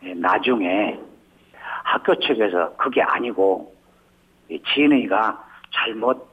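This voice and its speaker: Phone interviewee: male, slow and raspy, thin telephone sound. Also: on the low side. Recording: muffled narrow phone line.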